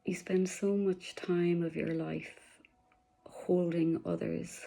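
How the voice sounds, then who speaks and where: Leading a guided meditation, a woman speaks slowly and softly in a fairly low, soothing voice with fairly even intonation, occasionally dropping into a breathy whisper.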